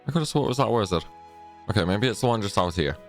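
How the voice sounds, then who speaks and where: A man with a lowish voice that swings up and down a lot, talking casually through a game guide. He rambles and corrects himself as he goes, sneezy and stuffed up, with faint game music underneath. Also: animated, very fast. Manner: chatty, rambling, self-correcting. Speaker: gaming guide creator. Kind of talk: casual game walkthrough commentary.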